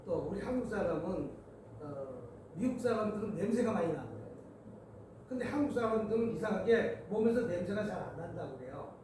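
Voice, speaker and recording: A man's voice: high voice, expressive, fairly quick. A man preaching as a pastor, playful and chatty, coaxing his congregation along. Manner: playful, coaxes the congregation to repeat after him. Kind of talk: sermon at a prayer meeting. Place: church sanctuary. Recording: echoey church hall, distant mic, background noise.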